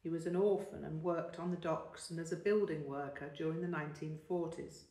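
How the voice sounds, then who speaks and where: A woman's voice: low voice, fairly even intonation. A woman reading the part of a patient older man who teaches music, explaining carefully and encouraging his young pupil. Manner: measured, explanatory, gently encouraging. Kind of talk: audiobook character voice. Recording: roomy, distant mic.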